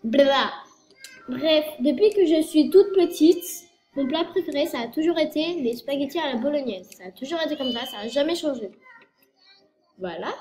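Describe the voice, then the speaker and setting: In an echoey room with faint noise, a young French YouTuber in her early teens chats through a loose vlog, stumbling over fillers and correcting herself while congested from a cold. Her voice, a woman's, is high, animated and darkish, moving at a normal speed.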